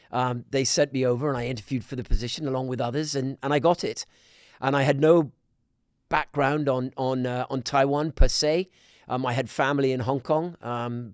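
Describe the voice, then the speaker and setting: A middle-aged man from Scotland, a podcast guest talking in a measured way with many restarts. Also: mid-range voice, no room sound, clean studio sound. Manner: measured, with frequent restarts and fillers. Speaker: guest, business council president. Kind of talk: conversational podcast interview.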